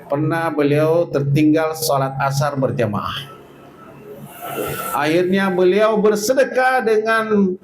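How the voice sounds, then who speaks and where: A man's voice: mid-range voice, slight background noise, poor audio. A man preaching a religious study sermon in a conversational, joking way, constantly addressing the audience directly. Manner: conversational, keeps adding "Pak" and "itu, Pak, ya"; jokes with the audience, lively and animated.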